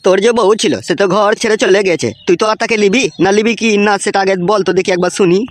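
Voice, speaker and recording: A man with a high, fairly even voice talks fast, sounding close to everyday speech with no room sound. He voices a cheeky, foul-mouthed village friend in a comic cartoon, using a rural West Bengal accent. Crude and swearing, he teases and insists as he pushes his advice.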